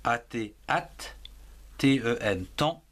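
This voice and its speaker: Male schoolteacher, slow, careful syllable-by-syllable dictation, animated intonation. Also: mid-range voice. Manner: slow and deliberate, breaks words into syllables. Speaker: primary school French teacher. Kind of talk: slow dictation lesson, spelling words aloud letter by letter.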